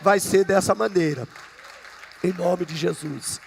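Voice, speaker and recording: A man's voice: high voice, a little slow, gravelly, some chatter behind, slight background noise. A man in his fifties from Brazil, a pastor preaching a conversational sermon to his congregation, often checking in with "né?". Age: 50s. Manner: conversational preaching with frequent "né?" and jokes. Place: church sanctuary. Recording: long hall reverb.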